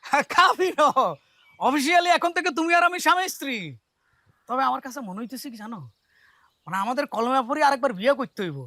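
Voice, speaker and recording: An actor playing an excitable, boastful newly married village man, talking fast and pleading. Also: extremely high pitch, no room sound, exaggerated voice.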